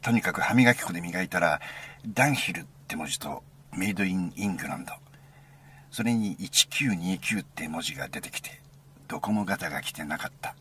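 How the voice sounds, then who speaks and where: A man reading a first-person story aloud as an intimate, conversational monologue, sometimes dropping into a hushed near-whisper. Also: sits low, expressive, fairly quick, a little hiss or hum. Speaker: narrator.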